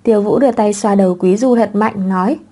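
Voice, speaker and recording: Giọng nữ kể truyện đều đều, ấm áp, gần như không đổi giọng khi đọc lời nhân vật. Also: female voice, medium pitch, a little fast, mellow. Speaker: narrator. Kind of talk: audiobook narration of a web novel.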